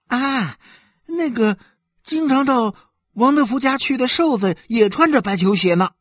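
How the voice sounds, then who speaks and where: A man's voice: very high voice, expressive, a little slow, a bit bright, dry recording, studio quality, voice pushed up, full character voice. A man voicing a chatty thirty-year-old mother who gossips and scolds, raising his voice well above his own. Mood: gossiping. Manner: gossipy, then exasperated.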